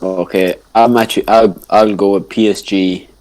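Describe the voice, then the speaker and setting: Relaxed young man with a low voice. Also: moderate pace, rough recording. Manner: relaxed, agreeable banter. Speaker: podcast co-host. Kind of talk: casual chat. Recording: faint background noise.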